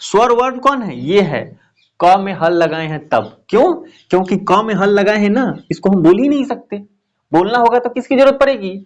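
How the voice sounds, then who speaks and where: A man's voice: high-pitched, lively intonation, normal speed. A man teaching a Hindi grammar lesson, asking questions and answering them himself, with lots of repetition. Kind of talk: classroom lesson explaining grammar.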